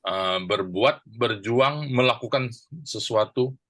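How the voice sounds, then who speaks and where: Slow, deliberate male Bible teacher. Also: mid-range voice, fairly bright tone, no room sound. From Indonesia. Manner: explains word by word, asks and answers his own questions; slow and deliberate with many pauses. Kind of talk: teaching a Bible verse, mixing two languages.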